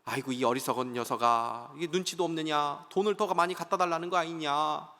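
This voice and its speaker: A man's voice: fairly high pitch, fairly quick, bright, forceful tone, in a large hall, pitched below the performer's own voice. A man voicing a scheming, impatient king who scolds his servant and begs a prophet for curses. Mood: scolding. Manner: scolding, wheedling.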